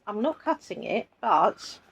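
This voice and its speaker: A woman's voice: medium pitch, sing-song, measured pace, gravelly, noisy background. A woman, chatting casually while unboxing a subscription box with her partner, with chuckling asides. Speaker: co-host of an unboxing channel.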